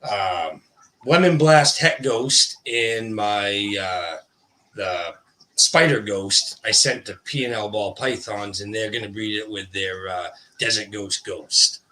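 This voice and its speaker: On a livestream, a guest who breeds ball pythons chats casually in a low voice with a sharp tone and slow pace. He rambles, restarts, and interrupts himself, and he can't say R, using W instead. The recording is rough.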